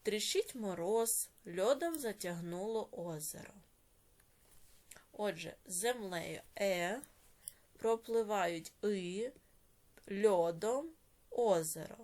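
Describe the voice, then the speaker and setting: Female teacher with a Ukrainian accent for a recorded lesson; slow, measured delivery breaking words into parts. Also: mid-range voice, a little mellow. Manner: slow, deliberate, spelling out word parts. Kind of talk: recorded video lesson dictation.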